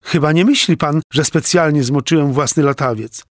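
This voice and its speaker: A man's voice: fairly high pitch, moderate pace, no echo, clean studio sound, natural voice. A man voicing an upset young boy at a summer camp, speaking in a whiny, tearful way. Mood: indignant.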